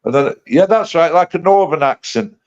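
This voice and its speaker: A man's voice: a little high, expressive, moderate pace. A man in his late fifties chatting casually on a livestream, blunt and sweary, rambling through his banter. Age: 50s. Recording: dull lo-fi stream audio.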